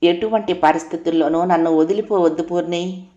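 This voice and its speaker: A woman's voice: fairly low pitch, fairly even intonation, brisk, warm tone, dull audio, close to an everyday voice. A woman voicing a remorseful young husband. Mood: pleading. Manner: pleading, tender.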